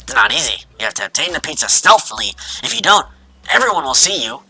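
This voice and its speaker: A man voicing a paranoid, excitable young man who schemes and mooches, in a silly put-on accent. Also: medium pitch, fast, pitched above the performer's own voice. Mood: paranoid ranting.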